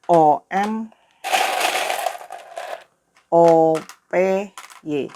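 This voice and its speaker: Speaking very slowly in a low voice, a tarot reader gives a casual reading on dull audio with background noise. She is friendly, addresses viewers directly, and tends to repeat herself.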